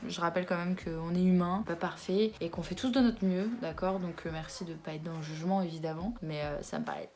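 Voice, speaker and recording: Woman in her 20s vlogging, kinda low voice, frank and chatty, swears a bit, lots of ums, phone mic. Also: fairly even intonation, fairly quick, few pauses, dark tone. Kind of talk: casual confessional vlog chat. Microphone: phone camera.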